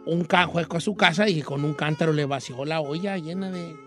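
A man telling a folk tale in an animated, folksy way, with asides to his listener. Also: a little high, moderate pace, faint music behind. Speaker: storyteller. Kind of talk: folksy oral storytelling.

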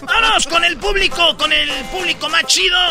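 A man's voice: very high voice, normal speed, over loud music. A man hosting a radio show, bantering playfully and laughing often.

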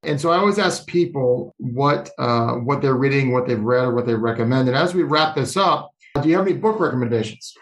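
A man hosts a casual podcast interview. His voice is medium in pitch and he talks conversationally. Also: expressive, brisk, hardly any pauses, rough recording. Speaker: podcast host.

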